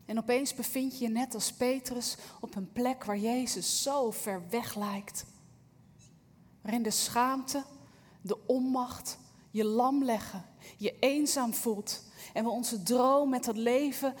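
Woman preaching, earnest and reflective, a bit high, husky, long echo from a big hall. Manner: earnest, reflective, addresses listener directly. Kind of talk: sermon with Bible reading.

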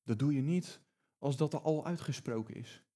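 A man's voice: mid-range voice, moderate pace, warm tone. A man preaching a sermon, emphatic and often repeating words as he builds his points.

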